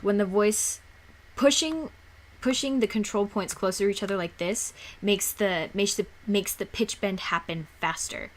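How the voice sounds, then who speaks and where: A woman makes a casual screen-recorded tutorial at a moderate pace in a medium-pitched voice. She rambles and frequently restarts or repeats her words.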